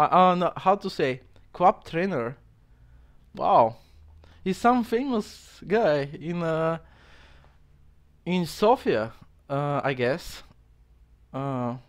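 A young man with a high-pitched voice streams from a small dim room using a headset. He reads aloud haltingly in casual commentary, with many fillers and chuckles.

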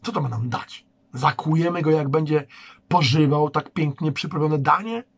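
A man's voice: fairly high pitch, very animated, measured pace, husky, heavily acted. A man reading the part of a skeptical young prince who questions his brother with irony. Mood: ironic.

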